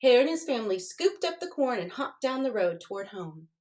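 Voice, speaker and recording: A woman's voice: a little high, sing-song, fairly quick, a little mellow. A woman reading a children's storybook aloud expressively, addressing her young listeners as she goes.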